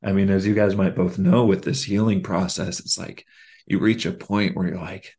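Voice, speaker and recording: Low-voiced man, casual podcast talk, candid and halting, lots of ums and restarts. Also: steady tone, darkish tone. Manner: halting, frequent fillers and restarts; candid and reflective.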